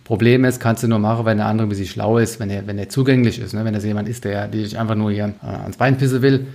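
A man's voice: on the low side, fairly even intonation, fast, a little mellow. A man coaching on handling conflict, talking bluntly and colloquially, often tagging his points with a questioning "ne?". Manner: colloquial, blunt, with frequent "ne?" tags. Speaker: communication coach.

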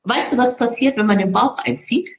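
A woman who speaks on stage, telling stories in an interview in a lively, expressive way. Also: fairly high pitch, fairly quick, reverberant, slight background noise. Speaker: public speaker. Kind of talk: interview conversation.

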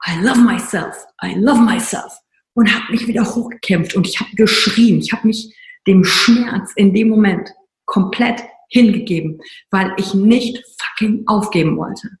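A woman's voice: medium pitch, measured pace, reverberant, poor audio. A woman telling a personal motivational story in an emphatic, confessional way, repeating phrases for stress. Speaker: speaker.

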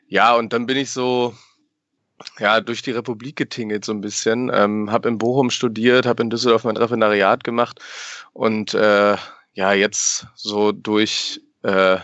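A man's voice: fairly low pitch, a bit bright, no room sound. Man from Berlin, podcast guest, rambling, lo-fi sound. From Berlin, Germany. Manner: rambling, many fillers. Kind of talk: casual chat. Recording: dull, lo-fi dry sound.

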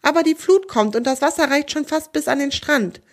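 A woman's voice: high-pitched, brisk, pitched above the performer's own voice. A woman voicing a sensible, helpful young boy in a children's storybook. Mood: cautious.

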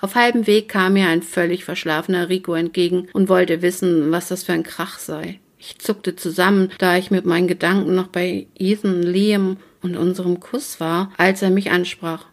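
Woman reading a romance audiobook out loud, first person, steady and even. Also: fairly low pitch, normal speed, hardly any pauses. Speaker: audiobook narrator.

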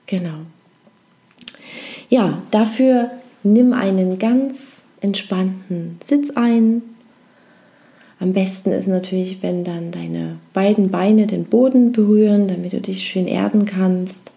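A woman informally introduces a meditation in a gentle, encouraging and reflective way. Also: mid-range voice, slow pace, vocal fry. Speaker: meditation guide.

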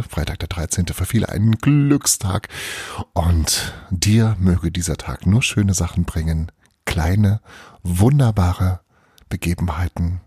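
A husky man with a deep voice tells a Christmas story. His delivery is lively and expressive. He closes with a friendly, chatty sign-off. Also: dry recording, clean studio sound. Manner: warm, lively, chatty outro. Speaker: storyteller and host. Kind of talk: audio advent calendar story reading.

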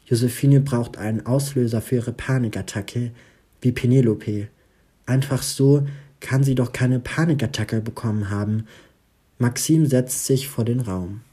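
A man's voice: mid-range voice, mellow, slightly rough. A man narrating an audiobook in a dramatic storytelling manner. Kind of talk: audiobook reading.

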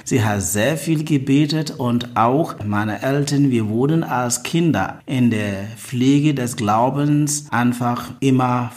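Fifties priest, gentle and reflective, pauses to find his words, middle pitch. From Ghana. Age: 50s. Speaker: priest in a religious order, guest. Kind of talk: personal interview.

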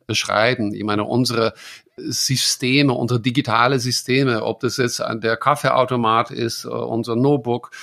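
A middle-aged man with a Dutch accent talks things through in a relaxed, halting way. He fills his pauses with ums and ahs. His voice sits in an ordinary middle pitch. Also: gravelly. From Netherlands. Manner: thoughtful, halting, many fillers. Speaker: guest expert. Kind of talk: casual explanatory chat.

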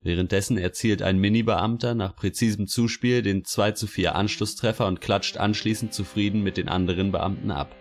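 A man narrating a scripted story in an even, wry manner. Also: on the low side, fairly quick, hardly any pauses. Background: soft music.

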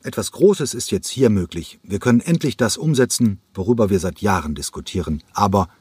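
An urgent, persuasive ballet director, voiced by a man reading an audiobook, pitched up a little from a low, husky reader's voice. He presses and insists, impatient to get his way. The dry, close recording has no room sound. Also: animated, fairly quick, a little mellow, no room sound. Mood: urgent, pleading.

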